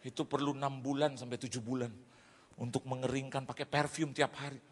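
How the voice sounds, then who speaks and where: A man preaching, a pastor telling a funny testimony in an Indonesian accent, acting out shouted dialogue and laughing as he goes. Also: mid-range voice, level tone, a little fast, slight background noise. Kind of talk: humorous sermon testimony. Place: large church hall. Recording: hall reverb from a church.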